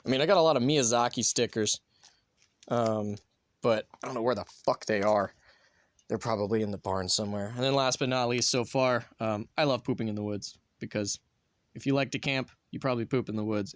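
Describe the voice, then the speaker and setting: A man vlogging casually at home, rambling in an offhand way and swearing freely. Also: medium pitch. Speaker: gun vlogger. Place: indoors at home, near a bed.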